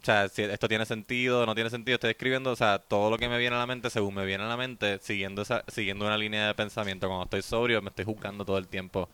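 Bright, clear-voiced man in casual chat. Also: lowish voice, level tone, quick pace, hardly any pauses. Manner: explains at length, corrects grammar. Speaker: podcast co-host.

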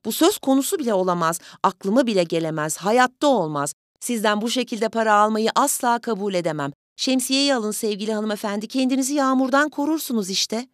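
A woman voicing a small, polite elderly gentleman who pleads with fussy, over-courteous manners in an audiobook story. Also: a little high, expressive, a little fast, few pauses, no echo, studio quality, lightly acted. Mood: courteous pleading.

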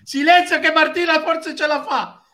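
A man's voice: very high-pitched, fairly even intonation, moderate pace, sharp tone. A man hosting a casual live talk show, teasing and prodding his guests.

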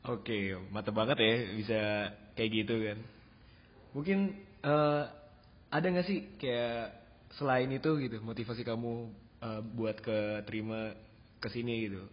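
A man hosting a podcast interview, asking relaxed questions full of fillers. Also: mid-range voice, normal speed. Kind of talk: casual interview chat. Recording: dull sound with long reverb.

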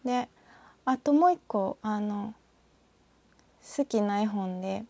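A woman from northern Osaka with a Kansai accent, talking alone in a rambling, reflective way and often trailing off into soft asides. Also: mid-range voice, slow, dry recording. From northern Osaka, Japan. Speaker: podcaster. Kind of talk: casual solo talk with a short reading.

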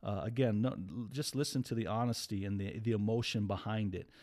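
A man's voice: lowish voice, fairly quick, darkish tone. A man talking casually and earnestly as a Bible teacher, walking through a psalm in conversation with many restarts. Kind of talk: casual Bible study chat.

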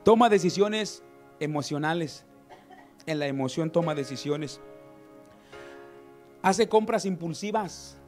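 A man delivers a lively sermon in a notably high voice. He acts out everyday scenes and keeps calling his listeners brother, while soft music plays faintly behind him. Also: takes it slowly, pauses often. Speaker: preacher.

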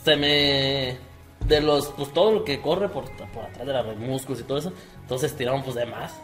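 A man's voice: mid-range voice, a little fast, a bit bright, soft background music. A man with a Mexican accent, telling a story in a casual podcast chat with many fillers and restarts. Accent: Mexican Spanish. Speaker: podcast guest.

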